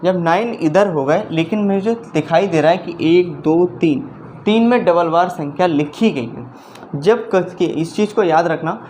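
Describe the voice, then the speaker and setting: Slow-talking man teaching a math lesson. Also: sits high, a little mellow, a little hiss or hum. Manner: slow, repetitive explaining, often checking understanding.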